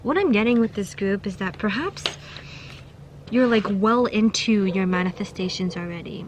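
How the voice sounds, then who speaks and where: Giggly and talkative, a young woman runs a relaxed pick-a-card tarot reading, restarting often and leaning on fillers. She speaks at an ordinary pace in a mid-range voice over background noise.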